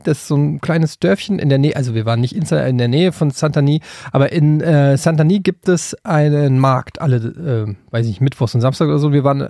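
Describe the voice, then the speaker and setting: Ein Mann in den Dreißigern mit hessischem Akzent, der im lockeren Gespräch lebhaft und mit vielen Füllwörtern eine Geschichte erzählt. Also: male voice, fairly high pitch, no echo, clean studio sound. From Frankfurt area, Germany. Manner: animated, many fillers and restarts. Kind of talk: casual storytelling chat.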